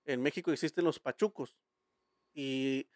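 A man's voice: medium pitch, unhurried, darkish tone, dry recording, clean studio sound. A Mexican man hosting a casual podcast chat, telling rambling, slang-filled stories with many restarts. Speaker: podcast host.

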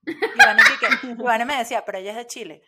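A woman, co-hosting a casual podcast, excitable and quick to exclaim. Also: on the high side, heavy background noise. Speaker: podcast co-host.

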